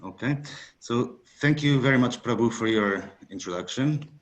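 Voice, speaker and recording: A man from Portugal giving an academic webinar talk over a video call, measured and hesitant with frequent fillers. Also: mid-range voice, dull audio. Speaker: guest speaker.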